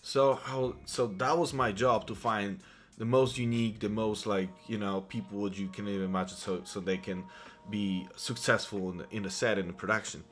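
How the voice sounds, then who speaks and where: With faint music in the background, a man in his thirties from Poland talks in a lowish, slightly bright voice, steady in tone and moderate in pace. This Polish-accented vlogger chats through his life story to camera, wandering and restarting many times.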